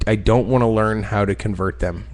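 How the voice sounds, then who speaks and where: A man co-hosting a podcast in casual chat, excitable, joking and profane. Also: on the low side, normal speed. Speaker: podcast co-host.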